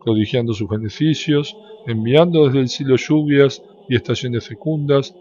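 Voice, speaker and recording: A man giving a measured, solemn scripture reading that lifts into a sung lilt at the ends of phrases. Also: medium pitch, a little mellow. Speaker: Bible reader. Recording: dull, lo-fi with faint background noise.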